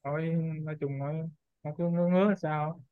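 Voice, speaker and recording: A man's voice: on the high side, steady tone, moderate pace, clean tone, no room sound. A man from Huế chatting casually in a group call, often trailing off mid-sentence. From Huế, Vietnam. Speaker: session presenter. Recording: tinny phone-like call audio, dry.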